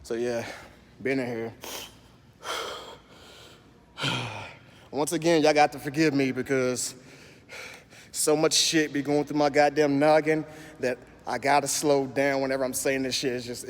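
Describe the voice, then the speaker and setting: A man's voice: medium pitch, big-room sound, a little hiss or hum. A man with a country accent, a slight S lisp and slurred speech, talking in a rambling, profane way as he vlogs from a gym. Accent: Southern US country. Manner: profane, rambling, deliberately slowed. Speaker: fitness vlogger. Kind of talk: casual vlog monologue.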